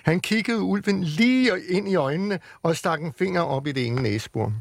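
A man on the radio, reading a children's book aloud with lively storytelling in a studio. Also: high voice, vocal fry. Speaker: radio reader.

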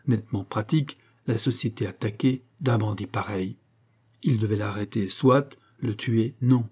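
Male audiobook narrator, measured literary delivery, warm slightly husky tone. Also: medium pitch. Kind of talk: scripted narration.

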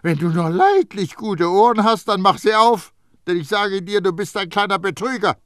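A stern elderly master perfumer bellows and mocks in a raised, lively voice, as a male reader puts him on. The audiobook sound is dry and close. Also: high voice, slow, gravelly, dry recording, voice pushed up, heavily acted. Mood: shouting. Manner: loud, scolding and mocking. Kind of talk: audiobook character voice.

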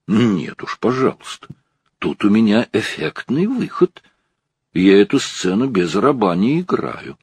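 A man's voice: lowish voice, very animated, measured pace, darkish tone, breathy edge, no echo, heavily acted. A man voicing a vain male actor who takes offence, with a haughty manner. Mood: offended. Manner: huffy, haughty.

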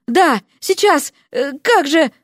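A woman voicing a panicky young male student magician who yells in shrill, frantic bursts. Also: animated, takes it slowly, no echo, studio quality. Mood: panicked.

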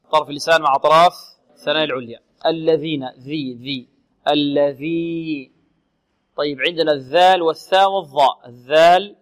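A man teaching Quran recitation rules, who sounds out letters slowly, then explains quickly and asks his students questions. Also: a little high, in a large hall. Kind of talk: tajweed lesson on radio.

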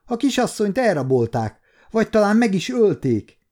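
A man reading an audiobook, voicing a fierce but tender old servant woman who shouts shrilly. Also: sits high, sing-song, voice pushed up. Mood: furious.

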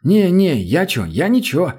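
A man voicing a timid, flustered male mage in an audiobook, with a husky voice. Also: high voice, huge pitch swings, mellow, pitched above the performer's own voice, full character voice. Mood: nervous. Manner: flustered, hurried.

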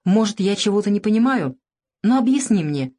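Young male prisoner read by a woman, brash, skeptical, mocking, mid pitch. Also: expressive, brisk, dark tone, natural voice. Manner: mocking, questioning. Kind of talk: audiobook character reading.

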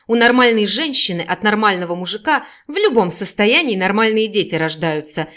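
A woman doing a hateful shouting mother. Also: mid-range voice, lively intonation, brisk, natural voice. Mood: scornful. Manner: loud, scornful shouting. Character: cruel bitter mother, middle-aged woman, spiteful and hateful.

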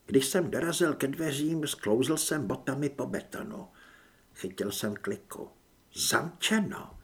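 A man reading a tense first-person audiobook narration in a steady voice. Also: medium pitch. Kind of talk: scripted narration.

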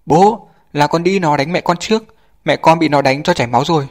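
Man playing a teenage boy, raised yelling voice, hot-tempered storybook kid. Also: a little high, fairly quick, voice pushed up, close to an everyday voice. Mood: yelling angrily. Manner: yelling hotly. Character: teenage boy, frightened then enraged.

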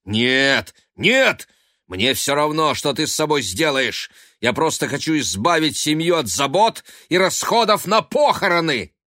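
A man's voice: fairly high pitch, big pitch swings, measured pace, sharp tone, no room sound, clean studio sound, voice pushed up, full character voice. A man reading an audiobook, voicing a sickly older brother who scolds bluntly. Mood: angry. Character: stern older brother, sickly, gruff but caring.

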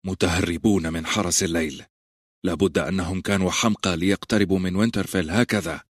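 A commanding young lord, as a male audiobook reader puts him on, with stern and scolding lines. The voice sits higher than the reader's low natural tone. The sound is dry and close. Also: steady tone, quick pace, slightly rough, dry recording.

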